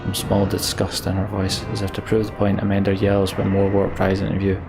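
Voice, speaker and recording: A let's play host with a deep, monotone voice commentates casually and fairly quickly while playing a video game, thinking aloud and reading the story text out. Video game music plays behind his voice.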